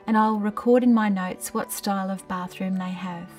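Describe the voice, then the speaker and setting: Middle-aged woman, occupational therapist, mid-pitched, calm and measured training narration. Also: far from the mic, faint music behind. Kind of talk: scripted training narration and gentle client questioning. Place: small tiled bathroom in a home.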